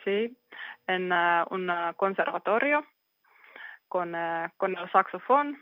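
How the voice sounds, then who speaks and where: Slow, halting Finnish speaker on a tinny line. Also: medium pitch, dry recording. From Finland. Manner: halting, searching for words with many pauses. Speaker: guest jazz saxophonist. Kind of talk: interview answers in a learned language.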